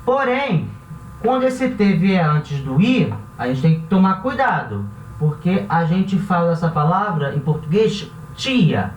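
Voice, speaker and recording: A man teaching a language class who talks patiently and repeats each word slowly, often checking in with his students. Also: sits high, lively intonation, far from the mic. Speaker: Spanish teacher. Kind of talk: classroom lesson. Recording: roomy, dull sound from off mic with faint hiss.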